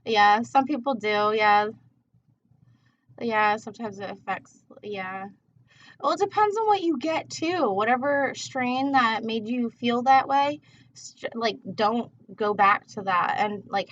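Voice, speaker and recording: A woman's voice: fairly high pitch, a bit bright, slight background noise. Laid-back rambling woman smoking as she talks, muffled audio. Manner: laid-back, rambling, drawn-out slangy delivery; smoking while talking. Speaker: tarot reader hosting a livestream. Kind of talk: casual rambling livestream chat. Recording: dull, muffled lo-fi livestream audio.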